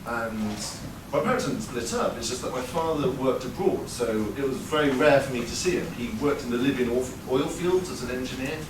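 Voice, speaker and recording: This Englishman in his thirties shares a personal story before a live crowd, wry and chatty and full of fillers. His medium-pitched voice moves a little fast with few pauses. The venue recording is roomy, with the mic far away and background noise.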